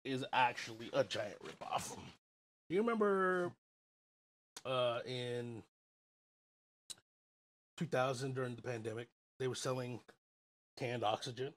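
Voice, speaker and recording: A man co-hosting a podcast in casual chat, animated and joking, who swears freely. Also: medium pitch, a little slow, pauses often. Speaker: podcast co-host.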